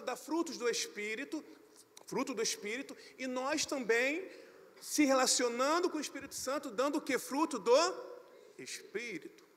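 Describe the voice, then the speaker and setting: A Brazilian man preaching a sermon as pastor at a church service, animated with sudden loud emphasis. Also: very high voice. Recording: long church reverb.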